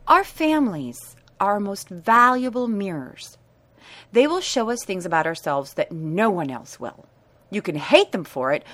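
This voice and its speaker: Animated, blunt woman. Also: medium pitch. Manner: sassy, blunt, animated delivery. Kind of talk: self-help advice talk.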